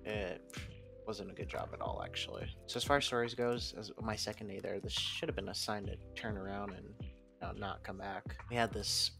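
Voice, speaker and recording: A man's voice: fairly low pitch, animated, brisk, vocal fry, sharp tone. A man, a former hotel night clerk, telling blunt, rambling stories about his old job in a casual vlog. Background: background music.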